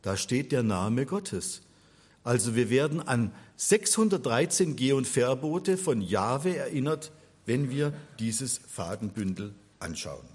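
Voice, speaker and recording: A man's voice: medium pitch, very animated, slow, darkish tone, slightly rough. A man giving an explanatory religion lecture, patiently spelling things out step by step. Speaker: religion teacher.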